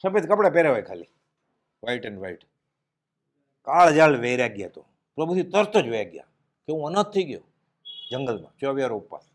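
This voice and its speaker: A man giving a devotional discourse, telling stories and dropping his voice low and quiet at solemn moments. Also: sing-song, normal speed, long pauses. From Gujarat, India. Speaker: spiritual speaker giving a discourse.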